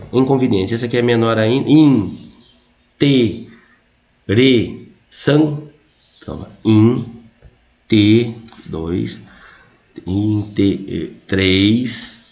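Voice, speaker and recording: A Brazilian man, a teacher, working through exam questions in a chatty lesson, thinking aloud with many quick asides. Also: fairly high pitch, a little mellow. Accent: Brazilian Portuguese. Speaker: Portuguese teacher for civil service exams. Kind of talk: casual exam-prep lesson.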